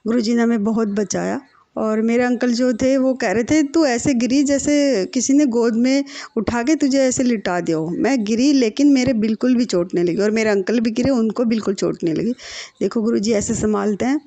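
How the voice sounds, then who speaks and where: A woman from India calmly telling a devotional story of thanks to her guru. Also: fairly high pitch, normal speed, no echo. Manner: earnest, plain storytelling. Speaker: devotee sharing testimony. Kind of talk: devotional testimony.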